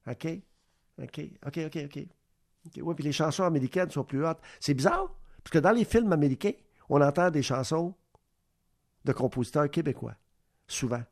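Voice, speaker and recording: A man's voice: a little high, animated, normal speed, a little mellow. A man with a Quebec French accent, hosting a sports radio show and rambling through an opinion monologue full of rhetorical questions. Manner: rambling, asks rhetorical questions, acts out little exchanges.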